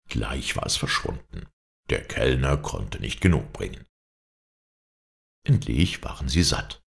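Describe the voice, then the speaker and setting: A man's voice: a bass voice, gravelly. A man reading a folk tale aloud as a theatrical storyteller. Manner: lively, theatrical reading with voiced characters. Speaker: narrator reading folk tales. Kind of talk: storytelling narration.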